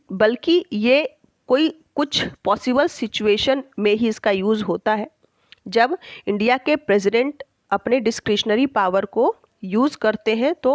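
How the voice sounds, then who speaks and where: A woman teacher explaining a textbook chapter, reading English lines slowly and checking in often with her students. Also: fairly high pitch, dry recording, low-quality recording. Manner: slow, deliberate reading of English lines, with frequent check-ins.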